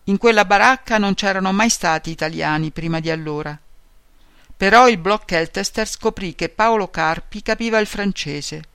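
A man reading a memoir aloud at a calm, measured pace. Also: high voice, vocal fry, smooth, no echo. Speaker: reader of a memoir.

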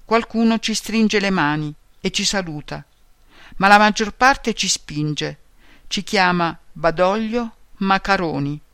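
A man reading a memoir aloud at a calm, measured pace. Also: high-pitched, clean tone, no echo. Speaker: reader of a memoir.

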